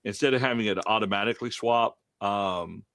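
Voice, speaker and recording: A man's voice: lowish voice, brisk, a bit bright, smooth, dry recording, studio quality. A man hosting a casual online Bible study discussion over a video call, rambling with many fillers. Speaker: host running the online study.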